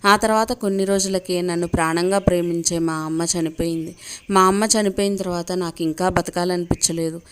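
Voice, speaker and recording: A woman's voice: lowish voice, steady tone, brisk, clean tone, close to an everyday voice. A woman voicing a defiant young ghost woman. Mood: bitter. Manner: mocking, defiant.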